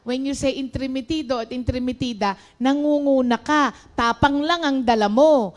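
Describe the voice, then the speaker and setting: High-pitched female preacher, casual and talky, speaks straight to the congregation. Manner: chatty, mixes in English, addresses listeners as brothers and sisters. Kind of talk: conversational sermon.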